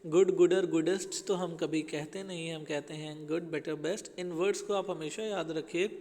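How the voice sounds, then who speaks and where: A man's voice: a little high, fairly even intonation, normal speed, darkish tone, big-room sound. A man teaching an English grammar lesson to schoolchildren, explaining patiently and speaking to them as children.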